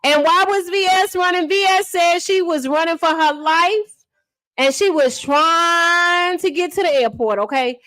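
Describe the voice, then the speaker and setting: A woman's voice: very high voice, measured pace, fairly bright tone, dry recording, low-quality recording. A woman hosting a livestream, giving sassy, mocking gossip commentary to her chat and calling viewers honey and baby. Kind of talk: casual commentary to a live chat.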